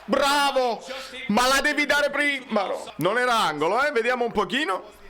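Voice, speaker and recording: A man with a Neapolitan accent hosts a live fan reaction to a match. His voice sits very high and sounds sharp and bright. He gets excitable, shouts and repeats words over and over. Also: normal speed. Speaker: fan channel host.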